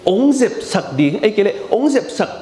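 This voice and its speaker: A man delivers a sermon with a high voice that swoops up and down as he talks. He repeats phrases for emphasis and drops English terms into his preaching. The sound bounces around an echoey room. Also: fast talker. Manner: lively, animated delivery with frequent repetition.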